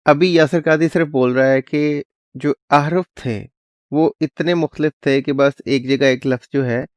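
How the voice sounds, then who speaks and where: A man's voice: on the high side, steady tone, no echo, studio quality. A man hosting his channel, explaining a clip in a plain conversational way and dropping English words into his speech. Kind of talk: casual explanatory commentary.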